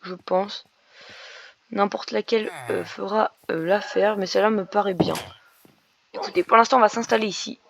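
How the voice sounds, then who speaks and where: This gaming YouTuber's mid-range voice has vocal fry, a steady tone, and a moderate pace. She's a young woman doing Minecraft let's play commentary, chatting and explaining while she plays, often using fillers and starting over.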